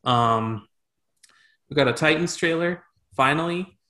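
A man hosting a casual podcast chat, relaxed and trailing off into mumbled asides. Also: on the high side, a little slow. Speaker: podcast host.

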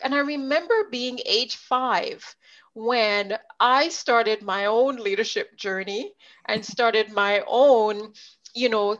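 Animated woman telling a story. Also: fairly high pitch. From Jamaica. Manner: animated storyteller, voices others in quotes. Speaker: leadership coach. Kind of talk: conversational interview storytelling. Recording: dull lo-fi audio.

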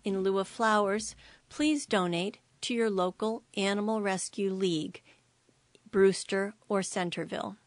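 A woman reads printed notices aloud at a slow, measured obituary pace. Her delivery is careful and orderly, with a mid-range pitch, and the sound is close and dry. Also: no echo. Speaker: volunteer-style newspaper reader for a reading service for the blind. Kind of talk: read-aloud newspaper narration.

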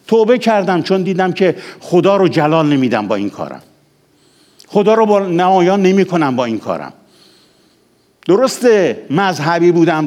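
Passionate man preaching with lively pitch. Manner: passionate, swings between raised exhortation and hushed intimate tones. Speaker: pastor. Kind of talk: sermon.

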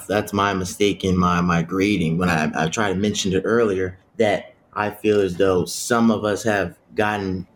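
Low-voiced guy debating on a podcast, a bit of faint noise behind him. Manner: earnest, argumentative, halting. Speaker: podcast panelist. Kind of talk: casual podcast discussion.

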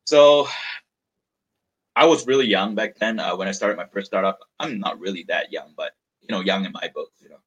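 The recording is muffled, carrying a deep, slightly bright, breathy male voice at a moderate pace. He's a Malaysian startup founder in his thirties, telling his story frankly in an interview while rambling and repeating words as he thinks.

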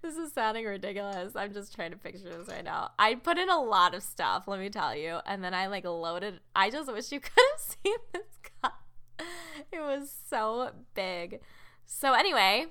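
A woman's voice: medium pitch, lively intonation, normal speed, sharp tone. A young woman in her twenties hosting a solo podcast, telling rambling stories in a chatty, giggly way. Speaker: podcast host. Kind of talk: casual solo chat.

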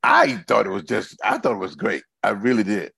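A man's voice: on the low side, huge pitch swings, a little fast, gravelly, pushed and bright, breathy edge, dry recording. Rambling man in casual chat. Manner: rambling, repeats himself, loose grammar.

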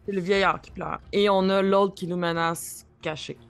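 A player speaking deliberately during a tabletop game. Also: mid-range voice, steady tone, fairly bright tone. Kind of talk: casual tabletop play.

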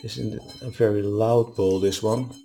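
Male meditation teacher, calm and soothing, very unhurried delivery, leaves space between short instructions. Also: on the low side, vocal fry, soft background music. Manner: slow, calm, soothing, with long pauses. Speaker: meditation teacher leading a live online session.

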